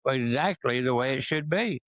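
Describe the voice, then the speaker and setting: A man's voice: medium pitch, animated, moderate pace, fairly bright tone, dry recording. A man in casual, opinionated chat, blunt and preachy, swearing freely. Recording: dull, lo-fi sound.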